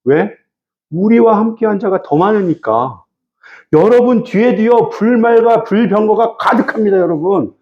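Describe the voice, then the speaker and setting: Animated male pastor, lo-fi sermon. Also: sits high, moderate pace. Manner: conversational, addresses the congregation directly; teaches verse by verse. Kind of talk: Wednesday evening sermon.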